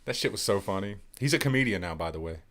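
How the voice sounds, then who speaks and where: A man in his thirties hosts a casual podcast, his pitch jumping around freely as he jokes. He has a sarcastic edge and curses without a second thought. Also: animated, quick pace, fairly bright tone. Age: 30s. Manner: sarcastic, joking, swears freely. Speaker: podcast host. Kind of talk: casual live podcast chat.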